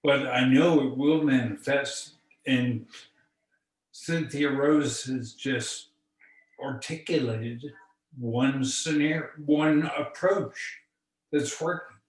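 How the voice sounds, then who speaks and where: A man speaking as a spiritual teacher on a video call, slow and deliberate. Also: mid-range voice. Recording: echoey, distant video-call audio.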